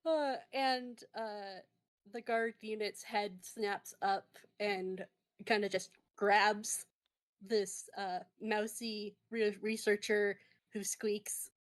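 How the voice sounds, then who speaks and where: A woman narrating a tabletop game as game master, halting and full of fillers, laughing often. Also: medium pitch, steady tone.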